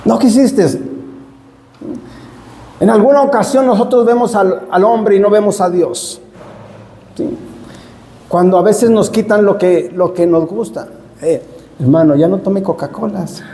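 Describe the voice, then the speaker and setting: Pastor for a sermon: a man with a high voice, emphatic and repetitive, who keeps calling the congregation "brothers", in a church hall with a long echo. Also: measured pace, long pauses, dark tone.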